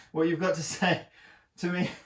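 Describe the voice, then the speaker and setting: A man's voice: high-pitched, little pitch movement, unhurried, reverberant, far from the mic. A man working as a personal trainer, talking viewers through an ab workout while exercising himself, encouraging and joking, short of breath between sets.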